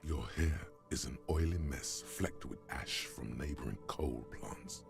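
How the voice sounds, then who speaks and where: A brooding video game narrator with a deep, gravelly voice. He speaks in measured, grim second person. Game music runs clearly beneath him. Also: exaggerated voice.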